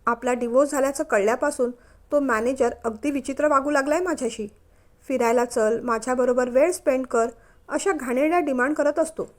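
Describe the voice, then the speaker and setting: A woman's voice: high voice, brisk, close to an everyday voice. A woman voicing a young mother who teases and lightly scolds her husband in a storybook reading. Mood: tearful. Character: warm teasing young mother, firm at heart.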